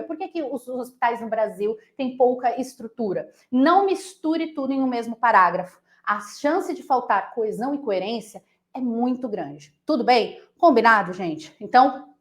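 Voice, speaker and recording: A woman teacher with a Brazilian accent gives a playful, animated essay-writing lesson, full of silly nonsense sounds and voices. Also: on the high side, echoey room. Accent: Brazilian Portuguese.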